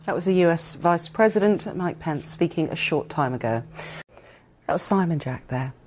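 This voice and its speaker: A woman presenting the news from a television studio, composed and crisp in her formal delivery. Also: lowish voice, lively intonation, moderate pace, darkish tone, a little hiss or hum. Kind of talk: news reading.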